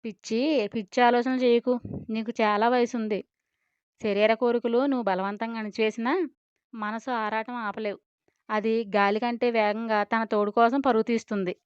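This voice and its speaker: A woman's voice: on the high side, level tone, moderate pace, clean tone, no room sound, dull audio, natural voice. A woman voicing a young woman's teasing inner conscience that scolds and lectures her. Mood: lecturing.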